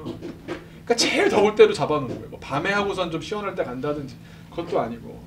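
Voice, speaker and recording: A man telling a lively testimony to a church congregation, acting out the voices of the people in his story and laughing often. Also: fairly high pitch. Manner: animated, acts out quoted voices, laughs often. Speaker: speaker at a church service. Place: church sanctuary. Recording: distant mic with background noise.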